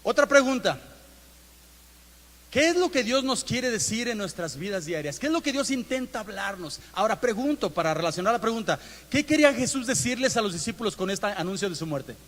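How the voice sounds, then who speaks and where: A man's voice: high voice, very animated, a little fast, a bit bright. A Mexican man preaching a conversational sermon, asking his congregation questions and acting out everyday inner dialogue. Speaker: pastor. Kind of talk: interactive sermon. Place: church auditorium. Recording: long church hall reverb.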